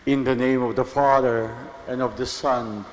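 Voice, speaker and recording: A man with a Filipino accent, a priest celebrating Mass in slow, measured liturgical tones, his voice ringing with cathedral echo. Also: mid-range voice, steady tone. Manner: slow, measured liturgical delivery, switching between English and Tagalog. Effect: cathedral echo, long church reverb. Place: large church. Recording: echoey church with long reverb, faint noise.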